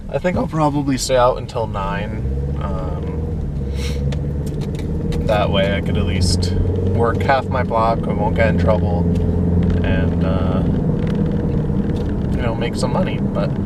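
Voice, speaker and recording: Casual male vlogger, noisy car background. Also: medium pitch. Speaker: food delivery driver vlogger. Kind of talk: casual vlog update to viewers. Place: in and around a car, between deliveries. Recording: clear car and street noise.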